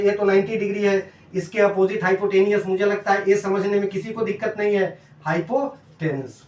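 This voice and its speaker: A man teaching math to students in a coaxing, repetitive way, checking often that they follow. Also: high-pitched. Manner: coaxing, addresses students as dear children; repeats and checks understanding. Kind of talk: classroom-style lesson video. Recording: echoey room, distant from mic.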